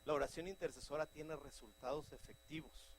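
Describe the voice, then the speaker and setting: A middle-aged man preaching a fervent sermon, telling stories and breaking into loud shouts. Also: fairly high pitch, steady tone, brisk, slight background noise, rough recording. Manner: fervent, shouting bursts, anecdotal.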